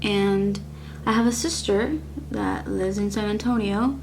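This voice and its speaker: A woman's voice: medium pitch, unhurried, vocal fry, a little mellow, a little hiss or hum. A young woman from Texas, chatting casually through a makeup review and rambling with lots of likes and restarts. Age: young adult. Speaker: beauty vlogger.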